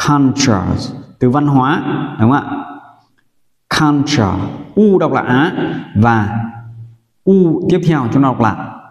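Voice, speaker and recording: A man's voice: mid-range voice, animated, muffled recording. A man from Vietnam teaching English vocabulary, saying each word several times and asking students to repeat after him. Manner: slow, drills words for repetition. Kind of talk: vocabulary pronunciation lesson. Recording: roomy echo with long reverb.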